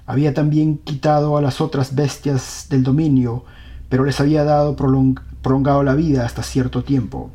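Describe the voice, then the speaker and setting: Man, preacher, sermon, scripture reading, earnest, warm dark tone. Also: medium pitch, flat delivery, moderate pace. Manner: earnest, questioning congregation.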